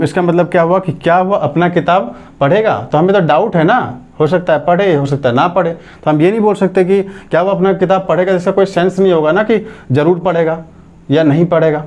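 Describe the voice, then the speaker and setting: The speaker is a man whose voice sits on the high side with a slightly mellow quality. Teaching English grammar to a class, he goes step by step, dictates sentences word by word, and asks checking questions about comprehension.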